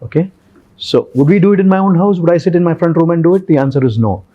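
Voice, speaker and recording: A man's voice: fairly high pitch, fast talker, muffled recording. A man from India with an Indian accent, speaking as a podcast panellist who asks and answers his own questions.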